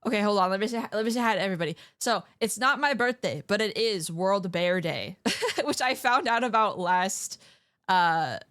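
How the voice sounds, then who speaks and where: A woman hosting a casual livestream in a playful gamer-girl manner. Her voice is smooth and clear at a middling pitch, recorded close and dry. She hops between thoughts in slangy, scatterbrained chat with her viewers. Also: animated, moderate pace, fairly bright tone, dry recording. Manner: scatterbrained, self-interrupting. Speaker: livestreamer hosting an art stream.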